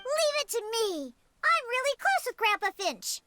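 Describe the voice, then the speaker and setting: A woman's voice: big pitch swings, heavy background noise. A woman voicing a chirpy, tiny fairy-like companion girl in a video game, eager to help. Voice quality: shrill, squeaky. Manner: eager, quick to offer help. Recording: game audio over loud music.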